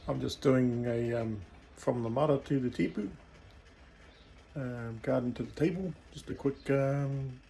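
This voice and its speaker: Male home cook, New Zealand accent, informal and unscripted, mid-pitched, clear kitchen noise behind him. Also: a little slow, mellow. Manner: informal, hesitant, thinking aloud while working. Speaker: home cook presenting a cooking video. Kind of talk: casual cooking demonstration.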